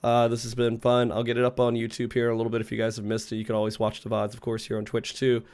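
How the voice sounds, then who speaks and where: Male podcast host, stuffy nose from a cold, relaxed casual chat, mid pitch. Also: very fast, clear, resonant tone. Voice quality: congested, stuffy nose from being sick. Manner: laid-back, sweary, laughs often. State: sick with a cold. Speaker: host of a gaming talk show. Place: remote online group call, streamed.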